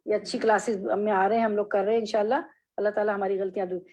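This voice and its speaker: A woman teaching a religious lesson, reading Arabic phrases slowly and explaining each one with patient repetition and gentle drilling. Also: mid-range voice, level tone, dull audio. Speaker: Islamic studies teacher.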